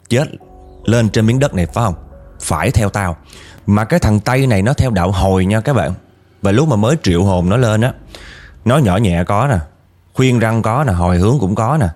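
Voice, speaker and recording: Man, lowish mellow voice, casual storyteller, gets animated quoting people. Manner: animated, rises in pitch when quoting angry speech.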